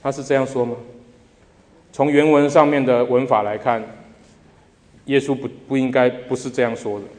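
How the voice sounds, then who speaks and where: A man's voice: medium pitch, fairly even intonation, normal speed, pauses often, darkish tone. Male pastor preaching in a reverberant hall. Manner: rhetorical questions to the congregation; emphatic repetition. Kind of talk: sermon. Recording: long reverb of a large hall.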